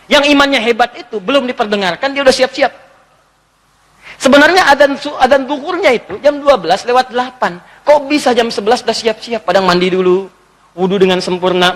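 A man preaching a sermon in a mosque hall. He questions his listeners and swings between emphatic urging and hushed lines. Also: high voice. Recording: long hall reverb.

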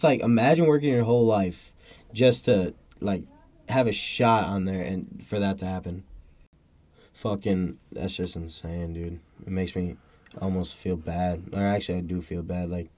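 A man's voice: low voice, fairly even intonation, measured pace, darkish tone. A young man co-hosting a casual sports podcast, talking like a slangy, hyped frat bro who swears freely. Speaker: podcast co-host.

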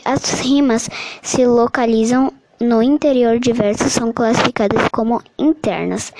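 Slow, halting woman reading a lesson. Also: a little high, background noise. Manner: slow, halting reading with restarts and self-corrections. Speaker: teacher reading a study summary. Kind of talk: read-aloud grammar lesson.

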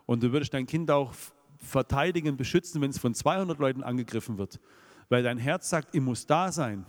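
A man's voice: medium pitch, fairly quick. A man with a Swabian accent preaching a sermon, asking the congregation rhetorical questions. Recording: long reverb of a hall.

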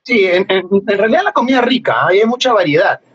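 A middle-aged Peruvian man with a Peruvian Spanish accent, telling stories as an interview guest, animated and laughing often. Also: sits high, fast, slightly rough. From Peru. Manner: animated, laughs often, acts out remembered dialogue. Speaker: guest, former footballer. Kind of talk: casual storytelling interview. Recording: dull lo-fi podcast audio.

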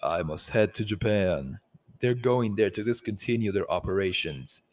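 A protective leader of a band of creatures, as a man voices him. He speaks firmly and loudly, in a low-pitched voice. It comes from a homemade audiobook reading. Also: animated, normal speed, lightly acted. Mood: commanding.

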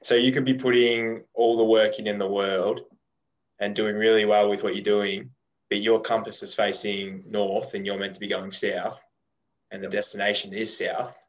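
Low-voiced man on a muffled mic. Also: flat delivery, moderate pace. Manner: rambling, explains with long analogies. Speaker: podcast guest. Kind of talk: casual chat. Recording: dull, muffled audio.

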